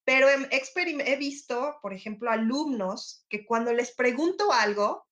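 Middle-aged woman teacher chatting over a video call, high voice, loud and emphatic, keeps checking you follow. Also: expressive, normal speed. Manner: teacherly, frequent tag questions. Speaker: podcast guest. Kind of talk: casual conversation.

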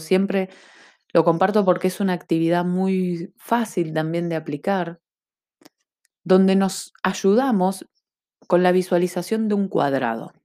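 A woman's voice: fairly low pitch, mellow. A woman guiding a breathing lesson as an instructor, explaining step by step and checking understanding with short questions.

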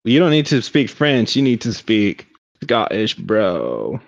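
A lower-pitched man talks fast and loose, recapping wrestling shows with excitement and plenty of cursing. His voice comes through dry and a bit dull and lo-fi, like a home podcast mic. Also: creaky, no room sound. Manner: excited, swearing, recaps matches in detail. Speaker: podcast co-host. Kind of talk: casual chat.

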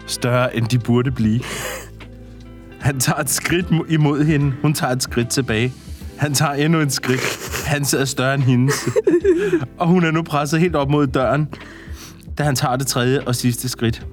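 A man's voice: mid-range voice, soft background music. A man reading a story aloud to a co-host, often breaking into laughter and adding comments. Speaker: podcast co-host.

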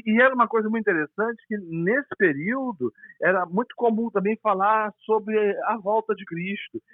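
A man's voice: high voice, no room sound. A man with a Brazilian Portuguese accent, a pastor speaking over a phone line, explaining theology earnestly with frequent hesitant restarts. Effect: heard over a phone line. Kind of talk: theological discussion on a call. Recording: tinny dry phone line.

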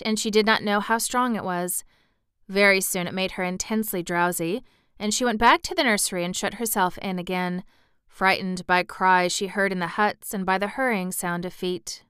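A woman reads a storybook aloud in an expressive way. Her voice is bright and very clear, at an ordinary middle pitch. The recording is clean and dry, with no room sound around it. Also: dry recording. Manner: expressive reading with brief asides. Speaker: audiobook reader. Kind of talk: storybook narration.

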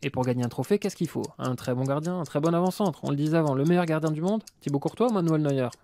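A man's voice: on the high side, fast, mellow. A man narrating a footballer's story and arguing his case as a pundit, punchy and story-driven. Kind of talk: scripted narration and argument.

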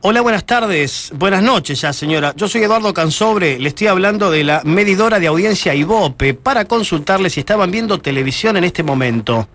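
Male prankster, crisp bright tone, courteous survey-taker manner. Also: high voice, lively intonation, a little fast. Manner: formal, polite, persistent. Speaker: radio prank caller. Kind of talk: prank phone call posing as a pollster.

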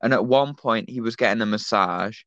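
A man's voice: lowish voice, normal speed, a bit bright, no echo, dull audio. A teenage man, co-hosting a casual podcast and telling a rambling anecdote with lots of fillers over an online call. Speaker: podcast co-host. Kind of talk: casual chat, storytelling.

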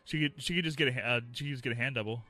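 Male live streamer, mid-pitched and bright, casual and playful, background music. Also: racing. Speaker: live streamer being interviewed. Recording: music behind the voice.

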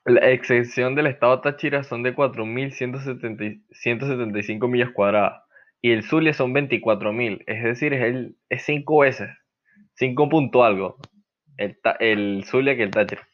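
A man's voice: mid-range voice, normal speed. A young man chatting casually with friends, rambling and slangy, telling stories. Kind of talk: casual chat among friends. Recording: slightly muffled lo-fi recording.

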